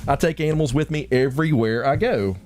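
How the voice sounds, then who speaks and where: A man who is a guest on a talk show, telling a story in an animated way. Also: medium pitch, fairly quick, soft background music. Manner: animated, acts out the voices in his stories. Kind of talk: casual storytelling.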